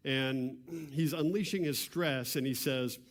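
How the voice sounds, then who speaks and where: A man giving a public seminar talk in a church hall, conversational, often clearing his throat. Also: medium pitch, slow. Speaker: property tax presenter. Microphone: handheld or stand mic, cutting out at times.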